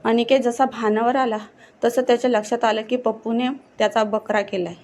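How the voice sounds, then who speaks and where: A woman narrating a horror story in a steady, suspenseful storytelling manner. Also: fairly high pitch, brisk.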